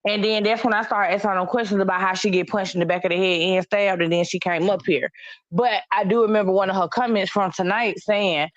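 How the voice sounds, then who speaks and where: A woman's voice: medium pitch, fairly even intonation, a little fast, no echo. A woman on a live online panel, talking in brash, teasing, profane casual chat. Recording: dull sound with faint noise.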